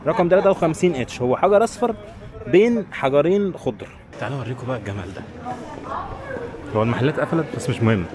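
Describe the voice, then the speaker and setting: Egyptian travel vlogger, male, rapid-fire chatty delivery, mid-range voice, city crowd behind, handheld camera mic outdoors. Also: mid-range voice. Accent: Egyptian Arabic. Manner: chatty, addresses viewers directly, teasing questions. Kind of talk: walking travel vlog.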